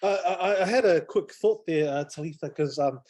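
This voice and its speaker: A man's voice: a little high, normal speed. A man moderating a video call, talking casually and hesitantly with many fillers. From New Zealand. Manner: relaxed, hesitant with many ums.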